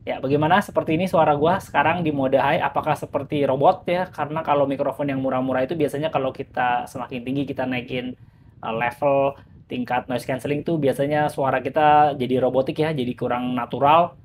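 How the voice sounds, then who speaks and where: A man's voice: mid-range voice, fairly even intonation, fairly quick, a little hiss or hum. A man casually demoing a gadget for viewers indoors, talking with an electric fan blowing into his mic. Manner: chatty, addresses viewers directly. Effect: speaking with an electric fan blowing into the mic. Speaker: gadget reviewer. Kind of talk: casual product demo. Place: indoors in a room. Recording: loud fan whir on a clip-on mic.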